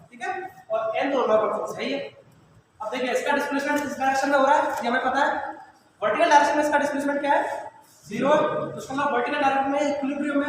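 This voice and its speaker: High-voiced man teaching physics in an echoey hall. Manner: checks understanding after nearly every line; mixes English technical terms into Hindi explanation. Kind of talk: classroom lecture. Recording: echoey hall from far off, faint noise.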